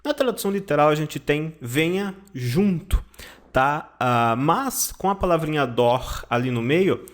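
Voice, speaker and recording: Male language teacher, somewhat high voice, patient explainer. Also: lively intonation, moderate pace, few pauses. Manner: explanatory, frequent "tá?" and "né?" checks. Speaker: German teacher. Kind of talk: online language lesson.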